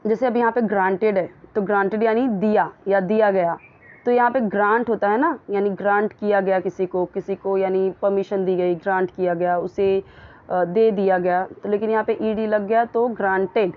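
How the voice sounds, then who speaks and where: A woman teaching English in Hindi, patiently translating a story phrase by phrase and reading the English words slowly. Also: mid-range voice, phone-quality sound. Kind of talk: explaining a story line by line in Hindi.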